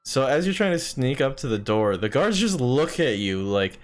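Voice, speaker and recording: A man's voice: mid-range voice, very animated, moderate pace, faint music behind. A man narrating a tabletop game as game master on a live stream, casual, swearing and using filler words.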